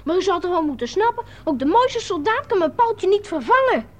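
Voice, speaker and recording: A woman's voice: extremely high pitch, very animated, fairly quick. A woman voicing a lonely small child who talks to a grown-up in a radio play, earnest and insistent.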